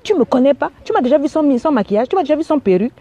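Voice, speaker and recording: A woman from Africa giving animated, scolding sermon-style relationship advice, acting out quoted exchanges and pressing her listeners with rhetorical questions. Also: sits high, rapid-fire. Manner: animated, scolding, acts out quoted dialogue, frequent "hein?". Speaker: relationship coach and preacher.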